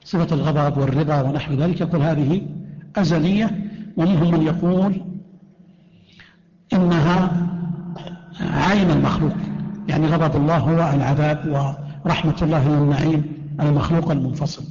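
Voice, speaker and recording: Brief: male sheikh, quick, mellow voice, reads questions and answers firmly. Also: on the high side. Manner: reads out questions, then answers in short firm statements. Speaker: sheikh teaching a creed class. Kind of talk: lecture answering written questions. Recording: echoey lo-fi hall recording.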